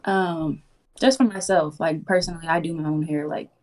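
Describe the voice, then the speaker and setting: A woman's voice: deep voice, fairly even intonation, moderate pace, a little mellow. A twenty-year-old woman from Missouri, straightforward with some hesitant fillers, chatting on a video date. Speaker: dating contestant. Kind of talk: casual chat. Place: home room.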